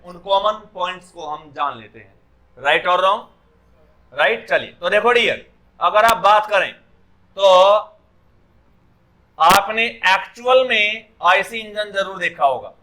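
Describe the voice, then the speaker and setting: Male engineering tutor, high-pitched voice, bright tone, classroom lecture, rhetorical check-ins. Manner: keeps checking in with students with rhetorical questions.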